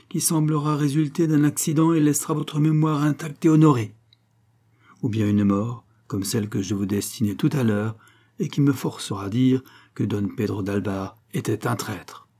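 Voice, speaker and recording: A man's voice: fairly high pitch, fairly even intonation, moderate pace, warm tone, pitched above the performer's own voice, close to an everyday voice. A man playing a stern boy duke. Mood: coldly resolute. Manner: firm, solemn, commanding. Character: cold resolute thirteen-year-old boy duke.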